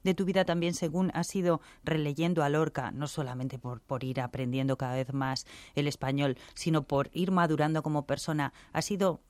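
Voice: medium pitch, fairly even intonation, moderate pace, hardly any pauses, a little mellow, no echo. Interviewer with a mid-range voice, dry sound. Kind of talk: conversational interview questions.

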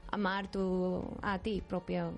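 Slow, halting woman with a Japanese accent. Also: on the low side, little pitch movement, soft background music. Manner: halting, non-native Spanish. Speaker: burlesque performer and guest. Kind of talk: casual interview answers.

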